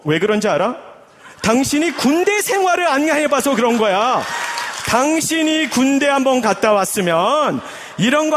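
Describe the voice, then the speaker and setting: A man's voice: extremely high pitch, a bit bright, in a large hall, voice pushed up, exaggerated voice. A man playing a condescending husband who lectures his tired wife instead of listening. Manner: preachy, dismissive, lecturing.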